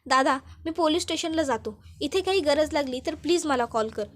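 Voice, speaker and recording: A desperate young man pleads again and again for news of his family, as a woman reads his lines. The voice sits high and urgent. It is a plain storytelling voice, with no real attempt to sound male. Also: fairly quick, close to an everyday voice. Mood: shocked. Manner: urgent, repeated pleading questions.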